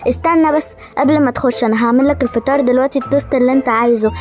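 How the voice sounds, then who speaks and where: A woman's voice: sits high, rapid-fire, darkish tone, lightly acted. A woman with an Egyptian accent playing a bossy, fussing mother of three in a homemade family role-play drama. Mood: nagging. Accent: Egyptian Arabic. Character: busy scolding mother of three kids. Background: background music.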